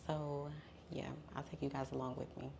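A woman's voice: a bass voice, flat delivery, normal speed, vocal fry. A young woman talking casually to viewers as a travel vlogger. She talks straight to her audience and fills her speech with "like" and "literally". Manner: chatty, addresses viewers directly, many "like"s and "literally"s. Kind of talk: casual vlog talk to camera.

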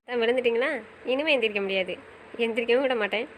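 A woman's voice: on the high side, quick pace, slight background noise, low-quality recording. A young woman in affectionate, teasing banter with her husband, pleading and playful by turns. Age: young adult. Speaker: wife in a couple's chat. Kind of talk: casual couple banter.

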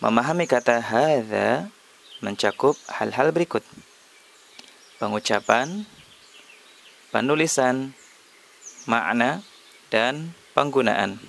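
Slow gravelly guy teaching a lesson, repeats words carefully, medium pitch. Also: expressive, fairly bright tone, slight background noise. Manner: repeats words slowly, spells out letters. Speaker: Arabic language teacher. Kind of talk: slow, deliberate lesson narration.

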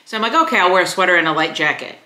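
A woman in her forties tells her story quickly and brightly in casual chat, her voice sitting a little low. She talks fast, and the room around her has a noticeable echo. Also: expressive. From Chicago. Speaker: vlogger's partner. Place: apartment kitchen.

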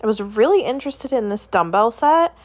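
Her pitch is fairly high and her tone a bit dark, with lively intonation and a slightly quick delivery. She's a vlogger walking casually through a grocery store with her phone, chattily naming items and their prices.

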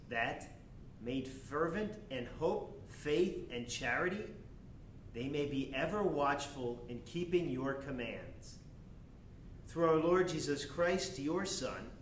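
A priest leading Mass in a slow, prayerful cadence, his voice carrying a heavy cathedral echo. He is picked up from well back in a large church. A faint low rumble sits underneath. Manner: measured, prayerful liturgical cadence. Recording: echoey church, distant mic, faint rumble.

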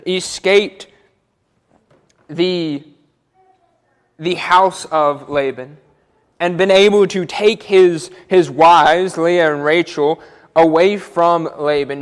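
A young man preaching a sermon from a church pulpit, earnest and repeating words as he builds each point. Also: fairly high pitch. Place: church auditorium, speaking from a pulpit. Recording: church hall with long reverb.

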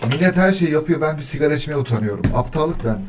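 A man's voice: on the high side, animated, fast talker, slight background noise. Male streamer, casual and chatty; counts weekdays for mic checks and gets irritated with his setup. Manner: easily annoyed, grumbling about echo. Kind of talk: casual livestream chat.

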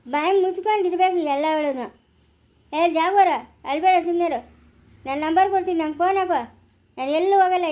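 A woman as a ranting village man, high-pitched. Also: darkish tone. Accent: rural Chikkaballapura Kannada. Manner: scolding, ranting, repeats phrases. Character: quarrelsome village man, indignant, defensive. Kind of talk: village family skit acting.

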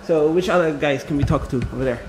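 A man with a fairly high voice hosts a casual walkaround interview, breezy and quick with his questions. He is recorded on a camera mic in a big open-plan office, with a faint hum of noise behind him. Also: low-quality recording. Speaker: tech video host.

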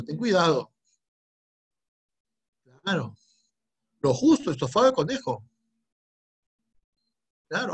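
A middle-aged man teaching a lively online class. His voice is husky, and his pitch jumps widely as he teases and scolds his students. It sounds like a video call. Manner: teasing, joking, scolding students. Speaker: history teacher.

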